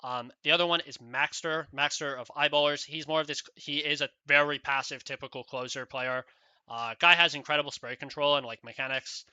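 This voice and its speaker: A man's voice: on the high side, fairly even intonation, a little fast, pushed and bright, smooth, no room sound. A man giving rambling solo esports commentary, casual, with many fillers and "right?" tags.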